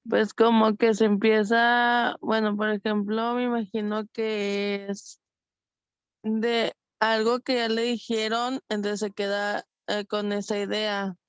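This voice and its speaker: A woman student answers tentatively in an online class, her voice level and flat in pitch but smooth and clear. The call audio is dry and a little dull. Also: slow pace, no room sound. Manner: tentative, hedging.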